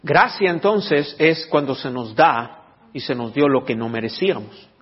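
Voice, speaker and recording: A husky male pastor teaches his congregation, often stopping to ask whether they follow. His voice rings with a long reverb through a church hall, and the recording is dull. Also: mid-range voice, moderate pace. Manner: teaching, asks the congregation questions. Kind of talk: sermon.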